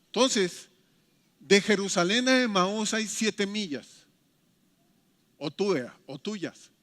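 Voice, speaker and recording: A Mexican man preaching a sermon as pastor, emphatic and animated as he retells scripture stories. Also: sits high, slow pace. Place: church. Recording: reverberant church hall.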